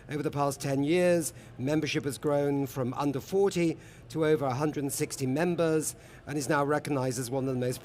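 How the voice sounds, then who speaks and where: A man's voice: fairly high pitch, a little hiss or hum. A man hosting a live broadcast panel, introducing guests in a jovial, chatty way. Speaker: host. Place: lives in Berlin.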